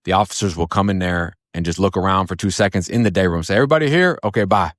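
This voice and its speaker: A deep-voiced Florida man tells the story of his past at a quick pace and a level tone, using blunt, profane street slang and saying "bro" and "man" a lot. The recording is dry and clean, like a studio.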